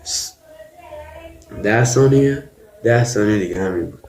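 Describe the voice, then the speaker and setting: A man's voice: on the low side, a little mellow, echoey room, a little hiss or hum. A young man with a cold, chatting through a try-not-to-laugh reaction video and insisting the clips aren't funny. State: has a cold. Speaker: YouTuber.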